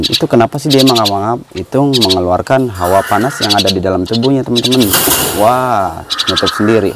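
Deep-voiced man chatting casually over background noise. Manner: slangy, talks to his birds like pets. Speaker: animal channel host. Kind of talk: casual pet vlog chat.

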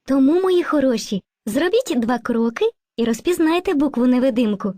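A woman voicing a kind, patient female spirit of language who teaches children, gently coaxing them with endearments in an educational cartoon. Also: high voice, lively intonation, normal speed, dry recording, clean studio sound. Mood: gentle.

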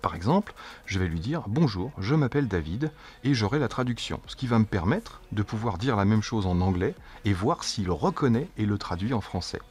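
A man hosting a casual gadget demo in a low, slightly husky voice. He is chatty and jokey, and he slows down to speak his test phrases clearly. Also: lively intonation, a little mellow. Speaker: tech reviewer demonstrating a translator device.

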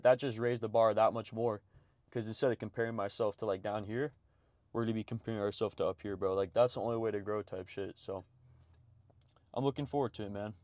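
A man's voice: mid-range voice, darkish tone, dry recording, clean studio sound. A young man chatting casually to his vlog viewers in a slangy, profane gym bro manner. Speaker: fitness vlogger.

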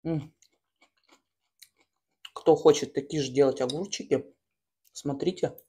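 A woman's voice: sits low, fairly even intonation, warm tone, slightly rough. Woman chatting mid-mukbang, chewing between phrases. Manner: talks while chewing and smacking, with pauses between bites; colloquial, slangy. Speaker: mukbang host. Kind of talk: casual mukbang chat while eating. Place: small room at home, at a table.

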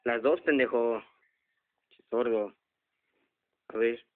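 A young gamer host with a Mexican Spanish accent does let's play commentary on a horror game, swearing nonstop and yelping in panic. His voice is medium-pitched and slow. The recording is a tinny, lo-fi phone recording.

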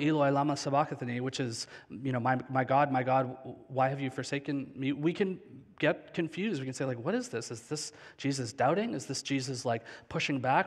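Earnest man preaching in a reverberant hall. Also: medium pitch. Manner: earnest, slows down on key phrases. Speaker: pastor. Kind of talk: sermon. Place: large church stage. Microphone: headset.

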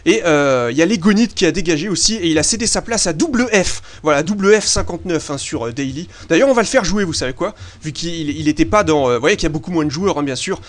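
A young man from France giving chatty, excitable commentary over a basketball video game, swearing casually and filling pauses with hesitations. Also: a little high. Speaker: gaming video host. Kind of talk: casual let's-play commentary.

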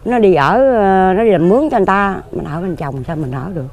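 Medium in pitch and a little mellow, her voice is animated and fairly quick. She is a Southern Vietnamese lottery ticket seller in her fifties, giving a casual interview outdoors among graves and talking plainly, earnestly and at length, rambling as she goes.

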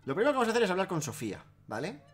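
High-voiced Spaniard playing a game. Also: male voice, huge pitch swings, racing, slightly rough, faint music behind. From Spain. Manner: joking, swearing, laughs often. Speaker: let's play host. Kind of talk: casual gameplay commentary.

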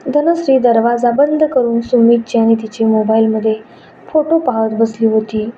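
A woman telling a story as a calm, even narrator. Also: on the high side. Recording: dull lo-fi with faint noise.

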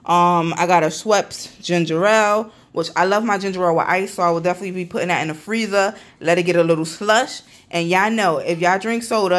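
A woman talks chattily and casually to her viewers. Her voice sits fairly low. It is recorded on a handheld phone in an apartment kitchen. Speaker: vlogger. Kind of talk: casual grocery haul vlog. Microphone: handheld phone camera.

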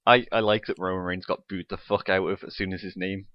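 A man's voice: sits low, fairly even intonation, a little fast, no room sound, muffled recording. A young man co-hosting a podcast, recapping a wrestling show play by play in casual chat and swearing freely. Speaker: podcast co-host.

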